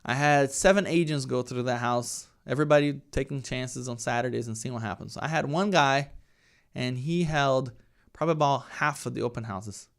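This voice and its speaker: With a medium-pitched voice and moderate pace, a Brazilian man in his thirties speaks with a Brazilian Portuguese accent. He's a guest being interviewed, a real estate team leader who talks conversationally and often ends what he says with "right?".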